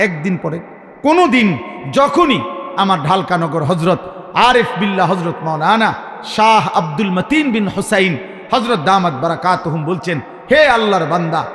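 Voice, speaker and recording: A man preaching a Bengali waz sermon with a Bangladeshi accent, chanting in sudden loud swells and hushed drops. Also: high voice. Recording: echoey hall.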